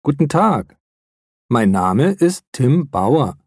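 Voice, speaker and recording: A man in his thirties playing a friendly character in a scripted textbook dialogue, speaking in a clearly articulated way. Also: medium pitch, big pitch swings, slow, darkish tone, no echo, studio quality, heavily acted. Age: 30s. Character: adult man introducing himself, friendly.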